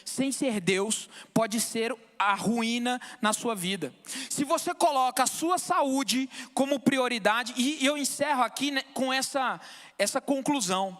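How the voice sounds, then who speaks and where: A man's voice: very high-pitched, a little slow, fairly bright tone, big-room sound, soft background music. A man in his thirties from Brazil giving an emotional, fervent testimony in church, often calling out to the brothers. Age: 30s.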